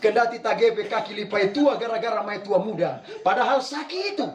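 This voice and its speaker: A man's voice: high voice, expressive, fairly quick. A man preaching a humorous sermon, teasing the women in his audience. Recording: echoey hall, distant mic.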